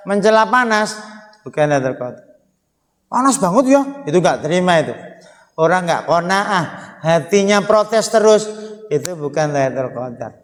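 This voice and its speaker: A man preaching a humorous sermon, animated and joking, his tone swinging up and down. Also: high-pitched. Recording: long hall reverb.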